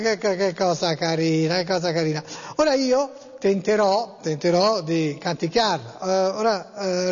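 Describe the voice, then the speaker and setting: A man's voice: high-pitched, big-room sound. A man who plays guitar, talking playfully through the story of a song and retelling its lyrics with relish. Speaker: singer-guitarist. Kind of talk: chatty explanation of a song. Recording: dull lo-fi recording with guitar.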